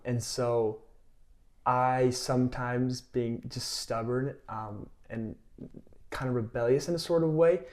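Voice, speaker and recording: A 21-year-old college soccer player from California tells stories casually during an interview. He has an American accent and a mid-range, slightly mellow voice.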